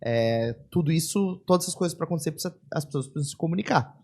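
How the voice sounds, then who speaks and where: A man hosting a casual interview podcast, talking in a reflective, relaxed way with hesitant restarts. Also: on the high side, quick pace. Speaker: podcast host.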